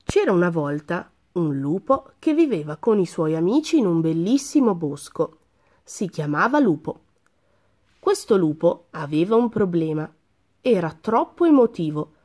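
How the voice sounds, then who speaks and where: Expressive woman reading a children's tale. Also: lowish voice, normal speed. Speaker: storyteller. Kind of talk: children's story read-aloud.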